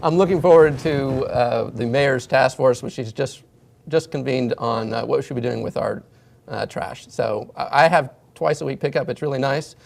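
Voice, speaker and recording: Gravelly man giving interview answers. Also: medium pitch, normal speed. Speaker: political candidate being interviewed.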